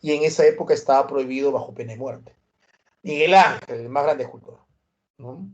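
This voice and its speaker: A man's voice: mid-range voice, fairly quick, dull audio. A man from Peru teaching history in a university prep lecture. He tells stories with animation and keeps checking in with tag questions.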